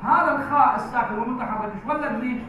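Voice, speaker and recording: High-voiced male teacher in an echoey hall. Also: crowd noise. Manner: slow, drawn-out, repeats key words for the class. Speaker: Quran recitation teacher. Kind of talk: classroom tajweed lesson. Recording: very echoey, distant, tinny phone-like sound.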